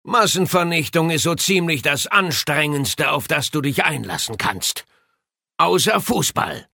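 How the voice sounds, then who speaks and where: A man playing an excitable, scheming fantasy game character in a hammy, mock-dramatic way. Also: a little high, unhurried, creaky, dry recording, clean studio sound, heavily acted. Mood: wry, idle. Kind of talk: comic video game character acting.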